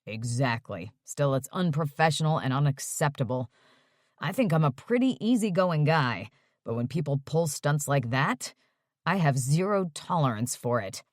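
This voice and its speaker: A woman's voice: sits low, lively intonation, moderate pace, no echo, clean studio sound. A woman voicing an uptight young man who answers curtly and mutters when annoyed. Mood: irritated. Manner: curt and muttering.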